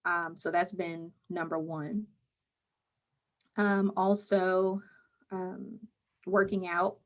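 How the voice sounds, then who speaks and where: A woman mental health counselor answering interview questions in a calm, measured, explaining way. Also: on the low side.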